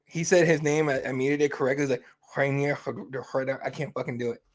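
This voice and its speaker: A young man of Mexican heritage hosts a fight companion livestream, rambling loosely from topic to topic in casual chat. He swears freely and fills his speech with ums and uhs, keeping an easygoing, offhand tone at a middling pitch. His delivery is brisk and steady.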